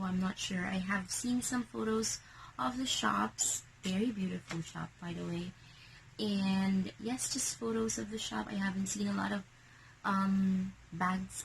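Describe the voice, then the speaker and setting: A Filipino woman in a casual vlog, showing and selling secondhand bags in a hushed, half-whispered voice. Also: mid-range voice, creaky, a little hiss or hum, rough recording. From Philippines.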